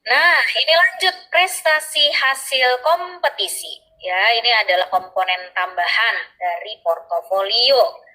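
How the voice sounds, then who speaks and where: A woman giving an explanatory tutorial to teachers, addressing them politely again and again and pausing often on filler sounds. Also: a little high, bright, forceful tone, rough recording. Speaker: teacher trainer.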